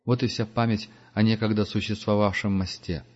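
Low-voiced male audiobook narrator. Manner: measured, steady storytelling. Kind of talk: scripted narration. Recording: dull lo-fi audiobook recording.

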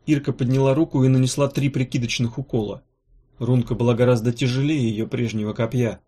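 A man narrating a fantasy novel as an audiobook in a steady, even storytelling manner. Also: mid-range voice, a little fast. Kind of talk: scripted narration.

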